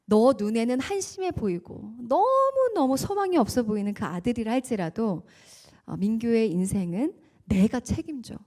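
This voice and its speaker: A woman voicing God as a slow, calm, reassuring presence speaking to a mother. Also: fairly high pitch. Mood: gentle reassurance.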